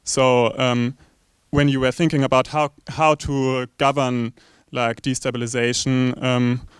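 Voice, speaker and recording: A man from Germany with a German accent, posing a spontaneous academic question in halting, searching phrases. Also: medium pitch, little pitch movement, smooth, no room sound. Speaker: audience questioner.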